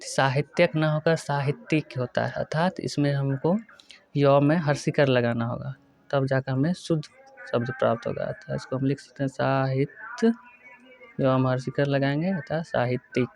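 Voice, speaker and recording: A male teacher giving a spelling lesson, working through words one by one and repeating each correct form slowly. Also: mid-range voice, vocal fry, darkish tone, faint music behind. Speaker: Hindi grammar teacher. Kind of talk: exam-prep lesson.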